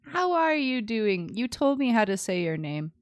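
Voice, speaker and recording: Over gentle game music, this woman streams her gameplay, chatting casually and playfully and muttering small sound words to herself. She speaks on the high side with big pitch swings at a moderate pace, in a dry, studio-quality recording.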